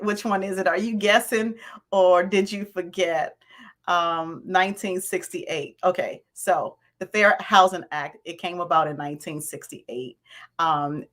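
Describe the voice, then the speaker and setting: A woman with a raspy voice hosting a live stream, greeting viewers by name and repeating her points. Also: on the low side, a bit bright. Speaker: host of a livestream on landlord and tenant topics.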